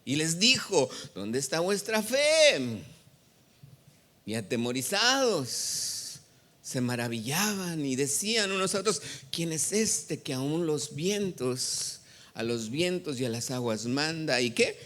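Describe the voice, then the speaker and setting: A man's voice: on the high side, very animated, slow pace, fairly bright tone. A male pastor preaching a sermon in a church, reading scripture and quizzing the congregation with call-and-response questions. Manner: reads scripture aloud and expounds it. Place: church sanctuary.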